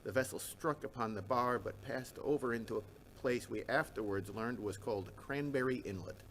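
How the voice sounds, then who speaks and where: A man voicing an anxious, reluctant eighteenth-century minister, reading a first-person memoir in measured, formal language. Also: mid-range voice, a bit bright, a little hiss or hum, natural voice, low-quality recording. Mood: recounting. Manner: measured, formal period diction.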